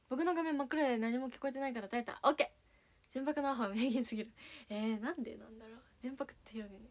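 A young idol from Kagawa, Japan, chats casually with fans on a livestream, reading their messages in a giggly, playful way. Her slightly high, slightly mellow voice carries a Sanuki dialect accent.

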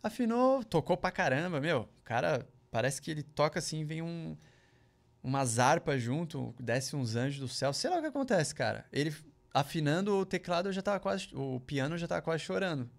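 A man with a fairly high, gravelly voice tells a long story as a podcast guest. He speaks in casual chat full of slangy asides. He raises his voice to act out what other people said. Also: very animated, brisk.

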